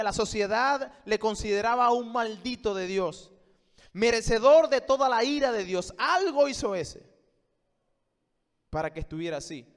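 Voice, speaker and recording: A male pastor preaching a sermon, moving between hushed and emphatic lines with rhetorical questions. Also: sits high. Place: church. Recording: long church reverb.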